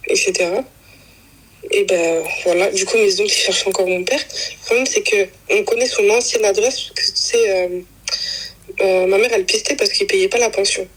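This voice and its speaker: A woman's voice: medium pitch, breathy edge, poor audio. A young woman casually telling a personal story, rambling with fillers and acting out quoted lines. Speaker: guest telling her story.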